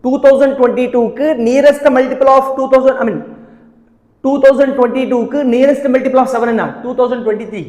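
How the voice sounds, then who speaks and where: High-pitched man, South Indian accent, very rapid teaching, repetitive and interactive, reverberant room. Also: fairly even intonation, darkish tone. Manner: repetitive, interactive, often asking check questions. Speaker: online maths teacher. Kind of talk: live exam-prep lesson, mixing English and Tamil.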